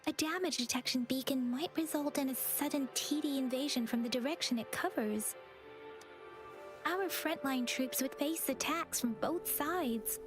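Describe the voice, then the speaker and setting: A woman voicing a kind, principled young heroine in a game, earnest and gently scolding. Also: sits high, moderate pace, over music, natural voice. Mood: stern.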